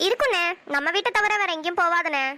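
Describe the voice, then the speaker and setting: A woman's voice: very high voice, expressive, fast, bright, forceful tone, dry recording, studio quality, heavily acted. A woman voicing a cheeky young village girl in a cartoon, answering back teasingly with a Kanyakumari Tamil accent. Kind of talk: cartoon voice acting.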